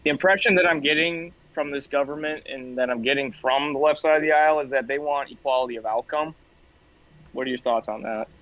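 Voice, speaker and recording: A man speaks haltingly in a casual debate. He stumbles and apologizes as he works out his points. His voice comes through a dull, lo-fi call. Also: mid-range voice. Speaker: debate guest. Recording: dull lo-fi video call audio.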